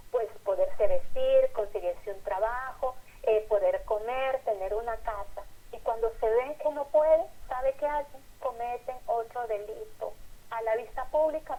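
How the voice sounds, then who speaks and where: A woman with a fairly high, mellow voice gives an earnest sermon-style lecture. She talks in short, measured phrases and acts out the lines she quotes. The sound is lo-fi and a little phone-like.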